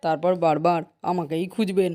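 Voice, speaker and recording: A woman's voice: on the low side, steady tone, brisk, dark tone, close to an everyday voice. A woman voicing a poor village mango seller who pleads and bargains to sell her fruit. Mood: persuasive. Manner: pleading, persuasive sales talk. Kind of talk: Bengali cartoon voice acting.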